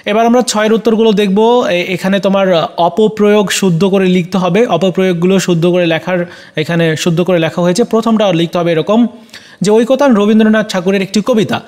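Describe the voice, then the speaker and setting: A man with a Bangladeshi Bengali accent and a fairly high voice explains exam answers to students. He speaks to them directly as a teacher, pausing often on "ah" and correcting himself as he goes. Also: darkish tone. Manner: addresses students directly, frequent "ah" fillers and self-corrections. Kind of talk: exam solution walkthrough.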